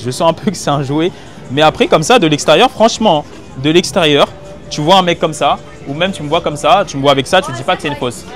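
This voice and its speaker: A man talking casually to his viewers in informal, slangy French while thinking aloud, recorded candidly on a hidden mic as he shops. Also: on the high side. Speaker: vlogger reviewing market goods to viewers. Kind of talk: casual spoken vlog, addressing viewers. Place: busy market stalls, recorded on location. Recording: hidden mic on location, music behind.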